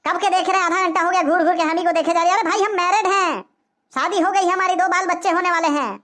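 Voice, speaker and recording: A woman voicing a young male cartoon sidekick who talks rough and scolds. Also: very high voice, fairly even intonation, fast talker, fairly bright tone. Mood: scolding. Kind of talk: cartoon voice acting.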